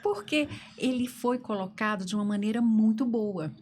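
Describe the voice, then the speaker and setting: A woman hosting a podcast, telling an animated story in casual conversation and laughing often. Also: on the high side, normal speed, slight background noise. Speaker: podcast host.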